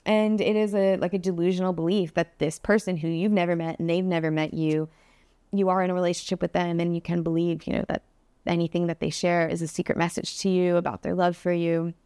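A woman speaks in a lowish, even voice with little rise and fall, telling her story candidly to a podcast host. She talks earnestly and says "like" and "you know" often. The sound is close and dry, with no room echo. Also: fairly quick, clean tone. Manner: earnest, candid, many fillers. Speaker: podcast guest. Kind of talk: interview storytelling.

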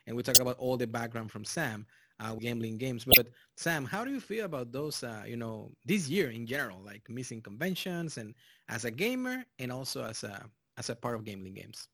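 A man's voice: medium pitch, sing-song, dry recording. A man from Mexico with a Mexican Spanish accent, hosting a board game podcast in casual chat, rambling with fillers and restarts. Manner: loud and drawn-out in the intro. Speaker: podcast host.

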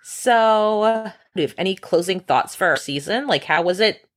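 A woman's voice: mid-range voice, lively intonation, normal speed. A young woman co-hosting a podcast, chatting playfully and swearing freely. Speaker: podcast co-host. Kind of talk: casual chat.

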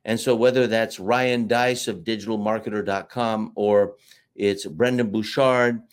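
In a casual interview, an American marketing teacher in middle age speaks at length, spinning expansive stories with fillers. His pitch is fairly low, his tone steady and his pace measured.

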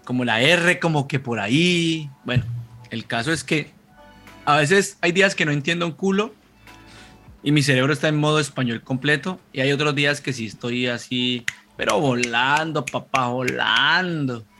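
A man, co-hosting a podcast in casual, slangy chat, telling stories quickly between laughs. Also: on the high side, pushed and bright, soft background music. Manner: rapid, laughing, slangy storytelling. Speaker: podcast co-host.

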